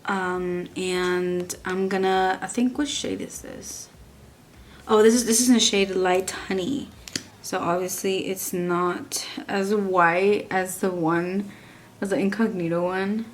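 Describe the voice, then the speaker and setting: A woman's voice: mid-range voice, steady tone, slow. A young woman from Texas, chatting casually through a makeup review and rambling with lots of likes and restarts. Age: young adult. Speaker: beauty vlogger.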